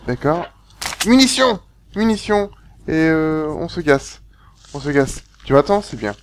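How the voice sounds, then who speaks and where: A man with a slightly high voice talks over his game in a casual, excitable way, chattering and yelping as things happen. Clear game noise runs behind him. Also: measured pace. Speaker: gaming YouTuber.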